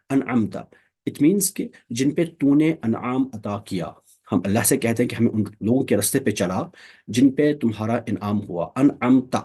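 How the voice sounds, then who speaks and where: Dark husky man teaching. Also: mid-range voice. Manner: explains patiently, checks understanding with "theek?". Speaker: Tajweed teacher. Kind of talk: Quran recitation lesson, Urdu mixed with English.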